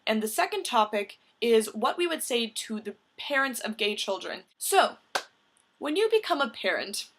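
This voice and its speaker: A woman's voice: on the high side, big pitch swings, moderate pace, a bit bright, slight background noise. Earnest young woman vlogging. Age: young adult. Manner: earnest, emphatic, with some swearing. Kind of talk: casual direct-to-camera vlog.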